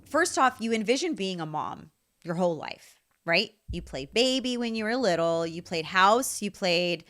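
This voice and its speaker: Woman, 30s, podcast co-host, lively up-and-down voice, chatty, casual swearing. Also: mid-range voice, normal speed.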